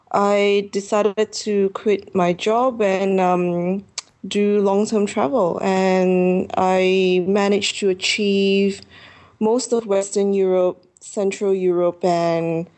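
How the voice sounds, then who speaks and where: A woman in her thirties from Malaysia, a travel author answering interview questions from her apartment and pausing often with fillers. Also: mid-range voice, mellow. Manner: hesitant, many pauses and fillers.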